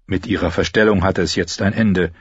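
A male audiobook narrator with a low, husky voice who tells the story at a steady, measured pace. The recording is close and dry, with a somewhat dull, lo-fi sound. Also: no echo.

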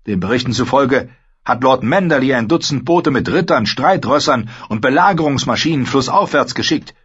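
A man's voice: medium pitch, expressive, moderate pace, fairly bright tone, slightly rough, dull audio, voice pushed up. A man reading an audiobook, voicing a proud, hot-tempered young lord who argues defensively. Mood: angry. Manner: angry, defensive, boastful. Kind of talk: audiobook character voice.

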